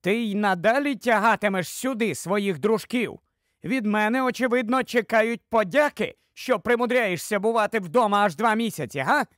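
Sharp scolding housewife, shrill and high, as a guy reading the book puts her on, dry close sound. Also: moderate pace, no room sound. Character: sharp-tongued nagging middle-aged housewife.

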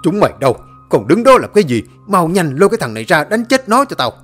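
A man voicing a furious, bullying older village father who shouts coarse threats. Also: high voice, big pitch swings, a little slow, soft background music, pitched above the performer's own voice, exaggerated voice.

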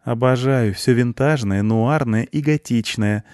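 A man's voice: medium pitch, measured pace, darkish tone, no room sound, studio quality, pitched above the performer's own voice, close to an everyday voice. A man voicing a friendly, cheerful young blonde woman in an audiobook. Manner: light, friendly.

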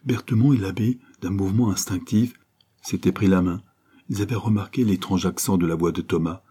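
A man narrating an audiobook in a steady, measured storytelling voice. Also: low-pitched, breathy edge.

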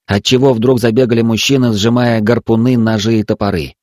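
A man narrating a story in a steady, even storytelling manner. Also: medium pitch, fairly quick, no echo, studio quality. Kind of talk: audiobook narration.

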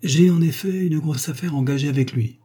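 A man voicing a shrewd lawyer on a secret errand, measured and businesslike. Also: fairly high pitch, dark tone, slightly rough, pitched above the performer's own voice. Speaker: character in an audiobook.

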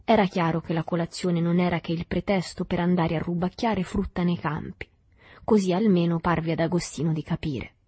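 A woman narrates a literary novel in a calm, measured way, her voice husky and set a little low. The sound is close and dry, with faint music under it. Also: dry recording. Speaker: audiobook reader.

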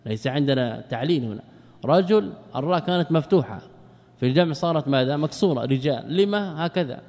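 A man teaching Arabic grammar in a classroom lecture, asking rhetorical questions, answering them himself, and slowing down to spell out word forms. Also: fairly high pitch, lively intonation, darkish tone, long reverb tail.

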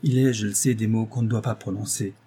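A man reading aloud, voicing a loyal, devoted old male servant who murmurs in a low, hushed voice. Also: fairly even intonation, fast, slight background noise, lightly acted.

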